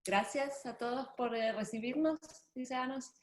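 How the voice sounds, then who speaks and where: Careful woman interpreter in an echoey room. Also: sits high. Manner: careful, pausing as she translates. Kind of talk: consecutive interpreting in an online presentation. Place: indoor room on a video call. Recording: roomy, echoey video-call sound.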